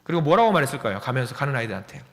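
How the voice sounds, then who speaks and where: A man's voice: mid-range voice, big pitch swings, very fast, a bit bright. A male pastor preaching a sermon, telling a story with acted dialogue and questions to the congregation. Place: church sanctuary. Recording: long church hall reverb.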